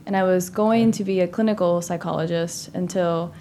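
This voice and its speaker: A woman's voice: fairly low pitch, steady tone, moderate pace, mellow, slight background noise. A woman in her thirties, originally from Cuba, chatting upbeat as a guest on a podcast about her path into product work. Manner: upbeat, chatty, with frequent ums. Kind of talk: casual interview talk.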